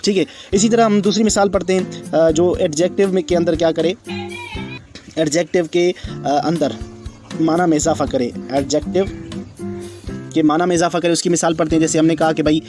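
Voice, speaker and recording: A man teaching English grammar, slow and repetitive, asking himself questions and answering them. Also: a little high, fairly even intonation, music in the background. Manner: slow, repetitive explaining with fillers and rhetorical questions. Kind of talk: explanatory lesson.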